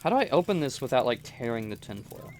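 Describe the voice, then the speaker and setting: A man giving relaxed, rambling gameplay commentary, often correcting himself as he talks into a close microphone. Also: medium pitch, fast, slight background noise. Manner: rambling, self-correcting, chatty. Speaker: gameplay streamer. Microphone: close desk microphone.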